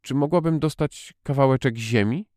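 A man's voice: mid-range voice, normal speed, mellow, no room sound, clean studio sound, voice pushed up, close to an everyday voice. A man voicing a shy young girl who stammers and pleads hesitantly, read as an audiobook character. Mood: timid pleading.

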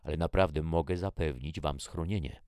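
A man voicing a calm, soft-spoken stranger with a gun who coaxes two girls to come with him. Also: extremely low pitch, moderate pace, no room sound, studio quality. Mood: coaxing. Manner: coaxing, gently persuasive.

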